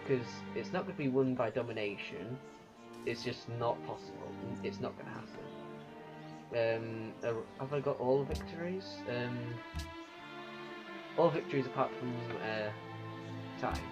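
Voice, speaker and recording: A man giving unscripted commentary on a strategy game, thinking aloud in a halting way. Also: medium pitch. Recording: muffled lo-fi recording with music. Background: music.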